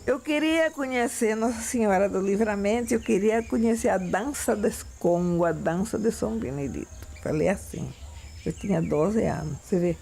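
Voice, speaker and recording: A woman's voice: medium pitch, normal speed, creaky, warm tone. A woman interviewed in a documentary, telling a personal memory and quoting what others said. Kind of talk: storytelling interview.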